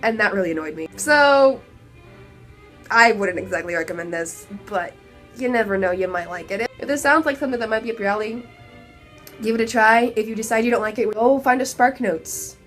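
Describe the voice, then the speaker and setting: A young woman with a Texan twang talks through a hoarse, fraying voice that sits a little high. She rants animatedly and with exasperation in a casual video review. Soft music plays faintly behind her. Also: a little fast. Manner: animated, exasperated, laughing asides. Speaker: book reviewer.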